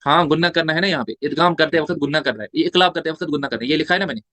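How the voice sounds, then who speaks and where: A man's voice: on the high side, very fast, pushed and bright, no echo. A man teaching a tajweed lesson, spelling out letters and vowel marks one by one and asking and answering his own questions. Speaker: Quran recitation teacher.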